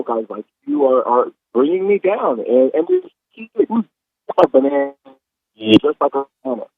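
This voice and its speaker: A man's voice: medium pitch, no echo. A man doing a brash monkey on a fuzzy, distorted phone line. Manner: defensive, rambling, excitable. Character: brash male monkey caller defending himself. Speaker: caller. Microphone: phone held too close.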